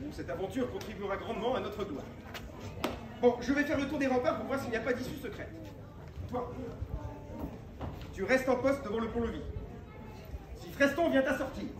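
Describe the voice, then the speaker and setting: Hammy, high-pitched Don Quixote. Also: male voice. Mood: heroic, resolute. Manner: hammy, declamatory delivery. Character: grandiose, lovesick, fervent knight Don Quixote. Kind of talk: theatrical stage acting. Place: live theatre show, far from mic. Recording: distant, echoey, noisy live performance recording.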